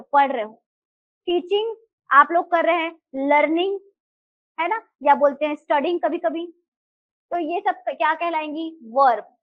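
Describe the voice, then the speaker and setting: A woman teaches a live class with a high voice, explaining and throwing questions out to her students. The sound is dry and close, with a slightly muffled, lo-fi edge. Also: no echo. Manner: explains and asks the class questions, mixing Hindi and English.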